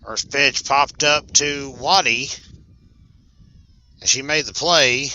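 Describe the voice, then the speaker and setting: A man calling a high school softball game play-by-play, chatty and quick to correct himself. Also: fairly even intonation, highs cut off, a little hiss or hum. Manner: chatty, self-correcting, laughs at big plays. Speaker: play-by-play announcer. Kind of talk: sports commentary.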